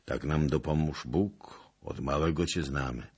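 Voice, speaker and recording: A man voicing a fierce young Cossack leader who speaks slowly and heavily. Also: a bass voice, slightly rough, heavily acted. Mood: brooding.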